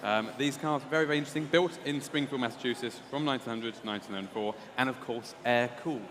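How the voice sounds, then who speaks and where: A man presenting auction lots in loose, measured commentary, often pausing and repeating himself. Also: mid-range voice, fairly bright tone. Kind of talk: semi-improvised lot commentary. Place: large auction room. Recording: echoey hall with some background noise.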